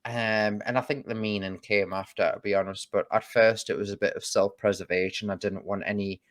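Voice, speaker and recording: A man's voice: lowish voice, fairly even intonation, a little fast. A man from the UK, a guest in a casual conversation, explaining his views and thinking aloud with restarts. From United Kingdom.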